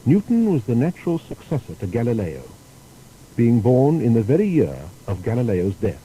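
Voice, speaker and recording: A very dark, soft-edged male voice explains things at a measured pace in scripted documentary narration, though his pitch moves in lively swings. Faint noise runs under the poor-quality audio.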